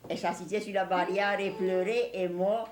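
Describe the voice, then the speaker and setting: A woman's voice: medium pitch, steady tone, normal speed, a crowd in the background. Older Cajun French woman in an echoey room. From Louisiana, USA. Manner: plain-spoken, rural storytelling with English words mixed in. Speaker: interviewee recalling family life. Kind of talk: casual oral-history reminiscence.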